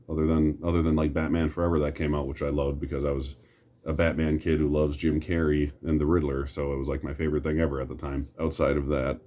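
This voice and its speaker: A man's voice: extremely low pitch, a little mellow. A middle-aged American man giving casual, rambling commentary in an opinionated, grumbling back-in-my-day rant with some mild swearing. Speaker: host reminiscing about superhero films.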